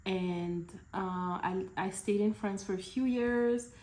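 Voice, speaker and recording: A young woman from Cameroon answering questions in a relaxed, chatty vlog, laughing between answers. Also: mid-range voice, takes it slowly, echoey room, slight background noise. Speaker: vlogger. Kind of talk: casual Q&A vlog.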